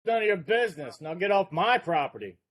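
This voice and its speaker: Man reading a surly homeowner, curt, sarcastic, low and flat, table read. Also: brisk. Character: gruff, hostile rural man.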